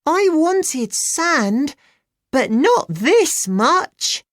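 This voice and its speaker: A woman reading aloud and voicing a curious young girl in a storybook, in a high childlike voice. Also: big pitch swings, very slow, dry recording, studio quality, heavily acted. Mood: amused. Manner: high, bright childlike delivery.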